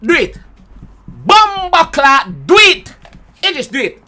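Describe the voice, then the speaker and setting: A young man with a Jamaican accent gives an excitable reaction commentary, full of loud exclamations and swearing. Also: very high voice, slow, a little hiss or hum. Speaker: music reaction host.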